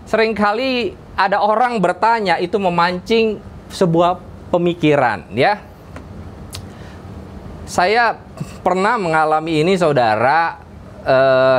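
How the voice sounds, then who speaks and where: A man preaching a sermon as pastor in a church, with an Indonesian accent, acting out dialogue in a lively, raised voice. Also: a little high.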